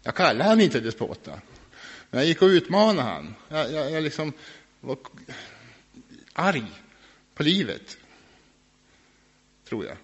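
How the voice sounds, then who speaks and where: A man telling his personal faith testimony about his past drinking, earnest and reflective, now and then laughing softly. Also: on the high side, big pitch swings, pauses often, breathy edge. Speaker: former alcoholic sharing his faith testimony.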